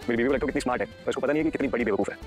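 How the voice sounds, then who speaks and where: A man's voice: medium pitch, rapid-fire, darkish tone, natural voice. An actor playing a smug, vengeful husband plotting against his wife in a melodramatic drama. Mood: gloating. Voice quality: smug, gloating. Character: scheming vengeful husband, middle-aged villain. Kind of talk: melodramatic web-series acting. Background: background music.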